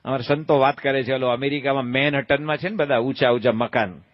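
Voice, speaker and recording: A man giving a humorous sermon as a monk, telling a folksy story and acting out shouted calls and quoted voices. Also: mid-range voice, fairly even intonation, fast talker, no room sound, muffled recording. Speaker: monk giving a religious discourse.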